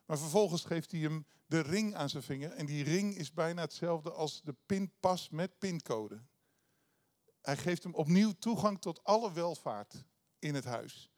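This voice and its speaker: A man's voice: fairly high pitch, darkish tone. A man preaching a sermon, retelling a parable in a conversational way, with frequent hesitations and restarts.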